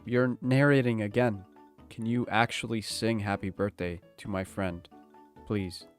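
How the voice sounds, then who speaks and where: A man's voice: fairly low pitch, fairly even intonation, measured pace, faint music behind. A young man streaming, joking and pushing an AI chatbot, growing exasperated. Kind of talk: casual livestream chat.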